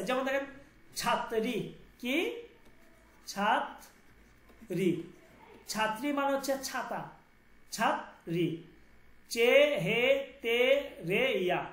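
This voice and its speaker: A man's voice: very high voice, fairly bright tone, roomy sound. Man teaching letter sounds. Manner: repeats each sound and asks the class to confirm. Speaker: language teacher.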